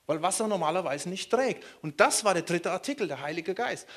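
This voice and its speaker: A man from Germany preaching a sermon in a lively way, often turning to ask his listeners questions. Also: high-pitched, fairly quick. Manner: animated, asks the listeners questions.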